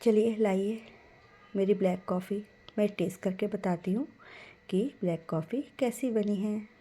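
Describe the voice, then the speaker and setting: A woman doing a moody young college girl who pleads and snaps by turns. She has a soft, mellow voice and talks slowly. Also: medium pitch, slightly rough. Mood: apologetic. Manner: pleading, impatient. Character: moody young woman student, irritable daughter.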